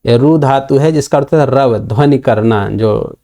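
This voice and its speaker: A man's voice: mid-range voice, unhurried, dark tone. A man teaching a recorded online class, patiently explaining each verse line by line. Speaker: Sanskrit grammar teacher.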